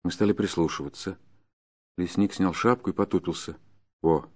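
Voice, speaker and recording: A man reading a classic story aloud in a measured, even storytelling manner. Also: low voice. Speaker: narrator. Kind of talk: scripted narration of a classic story.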